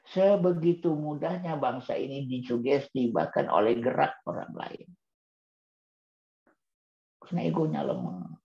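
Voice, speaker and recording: A man in the middle of an Islamic parenting lesson, speaking at a middle pitch. He drives his point home by asking questions and answering them himself, and by repeating words. The recording is roomy and a little dull. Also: animated, a little slow, vocal fry, long pauses. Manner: rhetorical questions answered aloud; repeats key words for emphasis. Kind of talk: book-review talk to parents.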